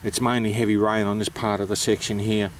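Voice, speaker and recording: An Australian man talks through practical details in a low voice with very little melody. He is unscripted and hesitant, explaining things in a plain, matter-of-fact way. There is some noise behind him. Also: flat delivery, a little fast. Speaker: amateur radio operator presenting. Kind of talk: informal explanatory vlog.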